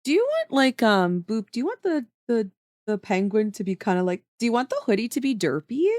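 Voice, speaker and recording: Drawing emotes on stream, this chatty woman talks with her chat as she works, her pitch lively and her pace fairly quick. She frequently drifts off partway through sentences, and the audio is echo-free, studio-quality.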